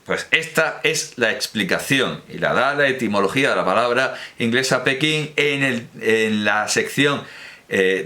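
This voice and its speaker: A man's voice: fairly low pitch, pushed and bright. Rambling man. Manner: rambling, self-correcting, with many fillers and restarts. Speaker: podcast host. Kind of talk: unscripted spoken analysis.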